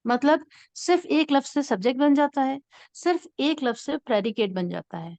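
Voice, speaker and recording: A woman teaching an Arabic lesson as an online class, explaining slowly and repeating words for emphasis. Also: sits high, a little mellow, dry recording.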